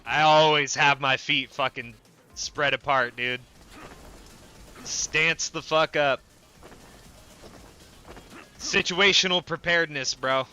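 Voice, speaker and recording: A man chatting casually during a game stream, laid-back and profane, quick to laugh along. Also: on the high side, steady tone, bright, forceful tone, soft background music, rough recording. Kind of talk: casual chat while gaming.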